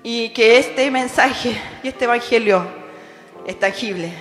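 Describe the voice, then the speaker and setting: A woman's voice: fairly high pitch, unhurried. Middle-aged Chilean woman, emotional memorial testimony before a congregation, echoing church hall, faint music under her. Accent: Chilean Spanish. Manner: heartfelt, emotional, calls listeners "hermano". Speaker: bereaved daughter giving testimony.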